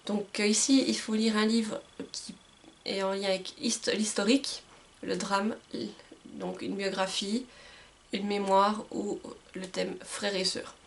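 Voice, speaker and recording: Young woman chatting about books to her camcorder, a bit of vocal fry, lots of ums and restarts. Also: mid-range voice, little pitch movement, unhurried. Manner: chatty, hesitant, frequent fillers and self-corrections. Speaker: book vlogger. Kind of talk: casual book recommendations to camera. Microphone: camcorder microphone.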